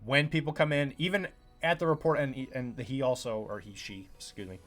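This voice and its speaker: A man's voice: medium pitch, steady tone, brisk, a bit bright, faint music behind. A man, a chiropractor hosting his own podcast, talking in a casual rambling monologue full of fillers and acted-out patient quotes.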